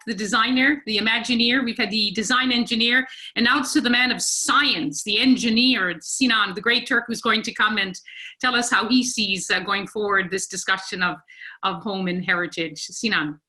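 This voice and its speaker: A woman chairing an online panel, introducing speakers in a measured, formal way. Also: fairly high pitch, sharp tone, rough recording. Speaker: event chair, moderator. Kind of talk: moderating a panel.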